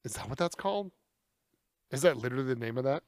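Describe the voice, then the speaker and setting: A young man on a casual podcast who rambles loudly and works himself into mock outrage. His voice sits at a middle pitch and is recorded close and dry, with no room sound. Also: lively intonation, fast, no room sound. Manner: loud, rambling, exaggerated outrage. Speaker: podcast co-host. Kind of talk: casual chat.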